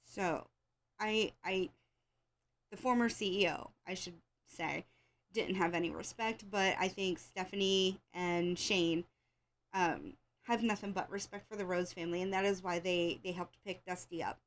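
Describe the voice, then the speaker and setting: Slightly slow and low-pitched, with fairly even intonation, this American woman chats about wrestling as a show host. She sounds a little scratchy and stuffed up, talking informally and opinionatedly in a rambling way, often repeating herself.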